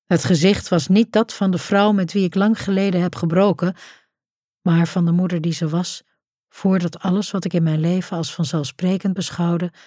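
A woman reads a first-person audiobook in a low, mellow voice. Her telling is intimate and tense, drawing the listener close. The recording is dry and close, with no room sound. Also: no room sound. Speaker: narrator.

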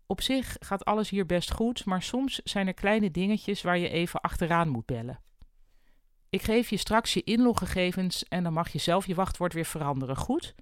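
A reader voicing a helpful young woman receptionist who sounds brisk, friendly and businesslike in a storybook reading. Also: mid-range voice, lively intonation, clear, resonant tone, no room sound, studio quality, close to an everyday voice.

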